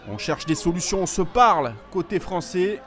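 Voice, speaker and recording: Guy doing excited sports commentary, pretty high voice, calling the action live, music behind him. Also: normal speed. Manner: narrates play as it happens, urgent on attacks.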